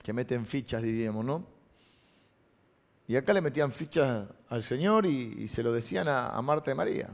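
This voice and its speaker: A man's voice: medium pitch, lively intonation, normal speed, creaky. A middle-aged man, a pastor giving a conversational sermon, reading scripture aloud and making asides to the congregation.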